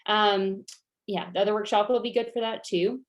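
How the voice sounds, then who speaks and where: A woman's voice: mid-range voice, fairly even intonation, moderate pace, highs cut off. Encouraging woman with a Southern US accent. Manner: encouraging, conversational, reassuring. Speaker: goal-setting workshop coach. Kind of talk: casual workshop teaching, answering participant questions.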